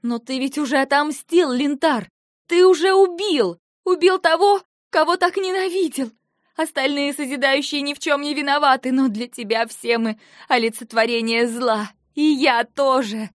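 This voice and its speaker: A woman's voice: mid-range voice, fairly even intonation, normal speed, dry recording, studio quality, natural voice. A woman voicing a frightened, defiant young heroine. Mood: furious. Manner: emotional, pleading, rising to shouts. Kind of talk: audiobook dialogue.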